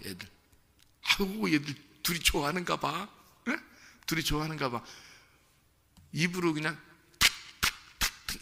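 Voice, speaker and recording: A male pastor preaching a sermon, playful and animated, putting questions to the congregation. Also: mid-range voice, vocal fry. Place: church sanctuary. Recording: church hall reverb.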